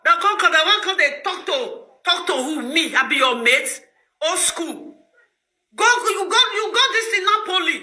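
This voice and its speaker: A middle-aged Nigerian woman ranting to her viewers in pidgin, loud and laughing as she scolds. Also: very high voice, expressive, normal speed, roomy sound. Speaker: social media host. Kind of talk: animated pidgin rant to viewers.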